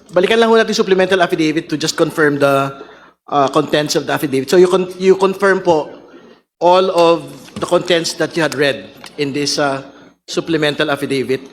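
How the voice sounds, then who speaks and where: A man with a Filipino accent and a fairly high voice. He questions formally as a congressman in a hearing, choosing his words deliberately and often halting between them. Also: a little hiss or hum. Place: legislative hearing room, over microphone.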